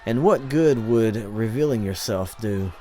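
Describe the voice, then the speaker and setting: A man's voice: fairly low pitch, unhurried, mellow, slight background noise, natural voice. A man voicing a serious, cautionary crewman, in an audiobook reading. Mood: grave. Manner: grave, insistent.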